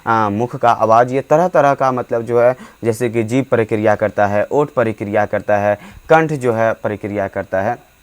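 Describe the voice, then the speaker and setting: A man giving a Hindi grammar lesson for board exams, often pausing on fillers and restarts and stretching vowels out to show their length. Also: fairly low pitch, smooth. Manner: halting, many fillers and restarts; drawn-out demonstration vowels. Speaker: teacher.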